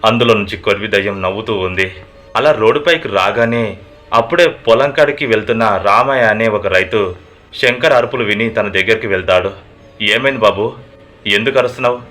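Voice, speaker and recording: A male storyteller narrates a horror tale. His voice sits low but carries a bright, forceful edge. The delivery is dramatic and steady throughout. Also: a little fast.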